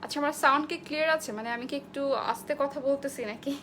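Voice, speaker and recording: Chatty high-voiced woman hosting a live stream. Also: fairly even intonation, racing, fairly bright tone, a little hiss or hum. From Bangladesh. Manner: chatty, greets viewers by name, mixes in English phrases. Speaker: makeup artist hosting a live sale. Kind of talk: live-stream makeup tutorial chat.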